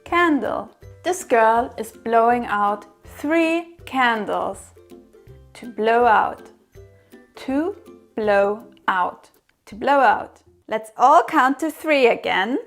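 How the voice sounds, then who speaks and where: A woman speaks in the manner of someone reading to a toddler, with a very animated, swooping pitch. She goes extremely slowly, repeating words in a sing-song, encouraging way so small children can copy her. Faint music plays behind her voice. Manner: exaggerated, encouraging questions. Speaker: presenter of a toddler learning show.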